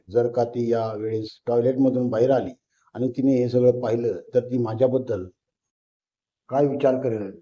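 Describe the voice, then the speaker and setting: Very dark-voiced man reading a story. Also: mid-range voice. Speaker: story narrator. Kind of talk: read-aloud storytelling in a woman's first person. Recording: roomy, dull lo-fi recording.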